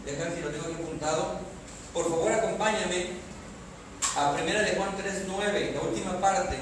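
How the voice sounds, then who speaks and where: High-voiced preaching pastor in an echoey hall. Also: male voice, moderate pace, recorded from a distance, noisy background. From Mexico. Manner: preaches with rising emphatic questions, reads scripture aloud. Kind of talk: sermon. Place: church hall. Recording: echoey church hall, heard from afar.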